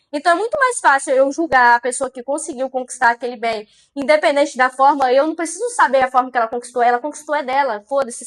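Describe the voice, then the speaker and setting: A woman's voice: sits high, fairly bright tone. A woman giving a motivational monologue on mindset, repeating phrases and asking the listener rhetorical questions. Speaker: mindset speaker.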